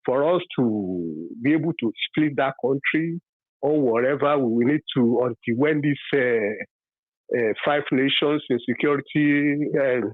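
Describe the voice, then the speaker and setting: A man in his fifties with a Yoruba accent speaks as a radio caller, his husky voice coming through a thin, dry telephone line. He talks in a halting way, full of fillers and restarts, and he presses his points with emphasis. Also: medium pitch, no echo. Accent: Nigerian, Yoruba. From Nigeria. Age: 50s. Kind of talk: call-in radio opinion. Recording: dry tinny phone line.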